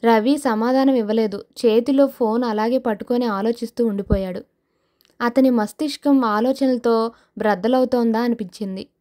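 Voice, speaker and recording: A woman reads a suspense novel aloud in a steady, measured way. Her voice is fairly high and keeps the telling even as the story unfolds. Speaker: audio novel narrator. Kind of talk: scripted narration of a suspense novel.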